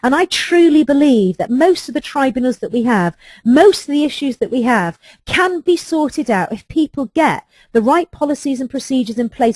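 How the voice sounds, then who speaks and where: A woman's voice: high-pitched, darkish tone, no room sound. Earnest woman telling a case story. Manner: earnest, emphatic storytelling with rhetorical questions. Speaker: HR trainer presenting a webinar. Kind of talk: webinar talk recounting a workplace case.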